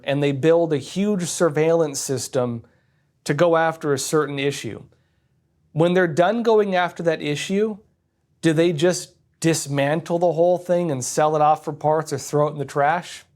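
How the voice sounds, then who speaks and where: A man's voice: a little high, a little mellow. A man in his thirties hosting a livestream, giving candid, opinionated political commentary straight to his viewers. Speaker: livestream host. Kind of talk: casual political commentary to a live chat.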